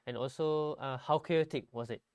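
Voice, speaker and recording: A man hosting a casual campus talk show, pausing often with ums and uhs. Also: mid-range voice, a little mellow, clear, resonant tone, no room sound, dull audio. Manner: hesitant, many ums and uhs. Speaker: host.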